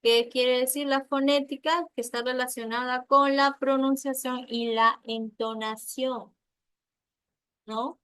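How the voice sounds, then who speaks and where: A woman from Peru with a Peruvian accent teaching an online class, explaining step by step and often checking with quick tag questions. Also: high voice, steady tone, pushed and bright, smooth, dry recording. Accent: Peruvian Spanish.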